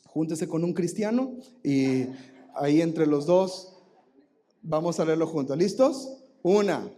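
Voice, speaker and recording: A man with a Mexican Spanish accent preaches a live sermon in church. His voice sits a touch high yet sounds dark and mellow. He is animated, calling the congregation to read verses aloud with him. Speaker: pastor. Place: church sanctuary.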